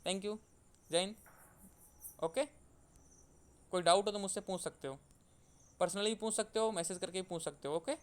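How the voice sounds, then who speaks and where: A man's voice: high voice, normal speed, long pauses, clear, resonant tone. A man from India giving an online class lecture, explaining step by step and repeating key terms with simple glosses. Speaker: online tutor.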